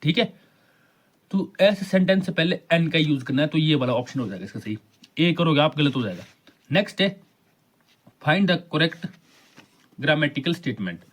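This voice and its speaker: Explaining an exam paper, this male teacher has a slightly high voice and lively intonation. He keeps asking himself questions and then answering them, and slows way down to read English sentences aloud.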